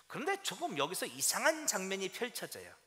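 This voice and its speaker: A male pastor preaching a Sunday sermon in a church, animated and asking his congregation rhetorical questions. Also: high-pitched, a little fast. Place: church sanctuary. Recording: long church-hall reverb.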